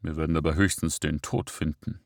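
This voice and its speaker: A man voicing a huge, sullen sleigh driver who answers in a gruff, sluggish way. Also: rumbling low, flat delivery, fairly quick, no room sound, studio quality, voice pushed down. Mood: grumbling.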